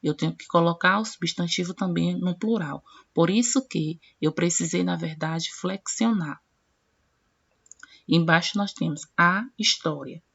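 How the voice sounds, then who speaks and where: A woman's voice: fairly low pitch, creaky, fairly bright tone, husky. Woman teaching grammar, lo-fi. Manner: explanatory, reads word pairs slowly and addresses students directly. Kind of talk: classroom-style grammar lesson. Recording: dull lo-fi recording.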